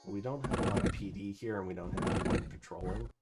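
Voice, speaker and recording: Speaking fast over loud music, a male commentator with a lowish voice gives casual let's-play commentary on his strategy game turns. He reasons aloud and drops in lots of fillers.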